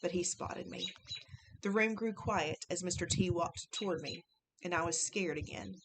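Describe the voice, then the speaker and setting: A woman's voice: fairly low pitch, normal speed, background noise. Woman reading a children's novel aloud. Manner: gentle, expressive storybook reading.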